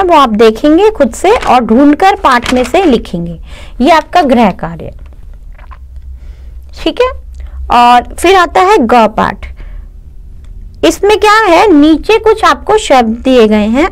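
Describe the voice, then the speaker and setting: A young woman teaching a class of young children, explaining patiently and often asking and answering her own questions, with English words mixed into her talk. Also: high voice. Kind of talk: online class lesson for children.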